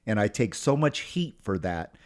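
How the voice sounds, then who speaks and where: Speaking at a moderate pace in a lowish voice, this podcast host, a pastor and author, has a cold that may make his voice crack. He stays relaxed and rambles somewhat, dropping in many ums.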